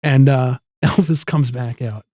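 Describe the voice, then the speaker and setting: A man guest in a casual interview, telling animated anecdotes with lots of restarts and little acted-out quotes. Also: medium pitch, measured pace, no room sound, studio quality. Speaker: guest, noh theatre performer.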